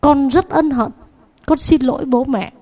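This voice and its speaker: A young student son in a spoken moral tale, earnest and pleading as he asks his parents for help, as a woman preacher puts him on. The voice sits fairly high. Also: unhurried, dark tone. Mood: remorseful.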